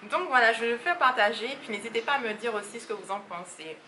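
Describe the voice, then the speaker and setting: A woman's voice: a little high, lively intonation, fast, reverberant, background noise. A woman chatting casually as a beauty vlogger, rambling with frequent fillers and laughs. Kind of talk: casual monthly favorites vlog.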